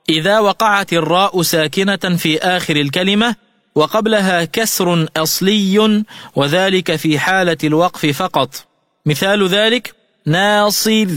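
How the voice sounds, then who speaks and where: Male recitation teacher, high voice, patient step-by-step delivery, dry close sound with lingering reverb. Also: fairly bright tone. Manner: methodical, repeats each rule slowly. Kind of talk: radio lesson explaining recitation rules. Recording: studio radio voice with long reverb.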